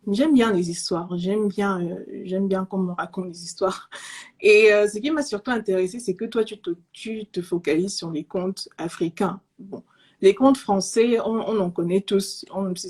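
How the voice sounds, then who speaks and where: A Cameroonian woman who grew up in Zimbabwe in an English-speaking household is a guest on a casual online interview, talking about her pastry business over a remote call mic. Her husky, medium-pitched voice moves at a moderate pace, and she speaks softly and hesitantly, with lots of fillers and restarts.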